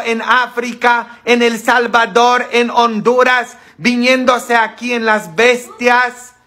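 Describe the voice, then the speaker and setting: A man's voice: very high voice, sharp tone. A male priest giving a playful, teasing sermon, laughing often and asking the audience questions. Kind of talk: joking sermon to a congregation.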